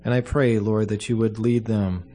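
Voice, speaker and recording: A man speaking as a pastor at a funeral service, giving a solemn, earnest prayer in measured short phrases. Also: fairly low pitch, fairly even intonation, warm tone.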